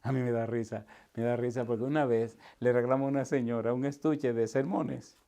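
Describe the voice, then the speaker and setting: A man, a pastor teaching a preaching seminar to a live audience, asking constant call-and-response questions and swinging from loud to hushed. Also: mid-range voice, steady tone, a little fast, gravelly. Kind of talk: lively seminar sermon. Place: church hall with live audience.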